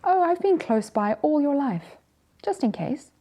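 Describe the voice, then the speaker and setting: A storyteller voicing Death as a calm, kindly, matter-of-fact male figure who gently teases, in a children's storybook. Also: sits high, unhurried, voice pushed up.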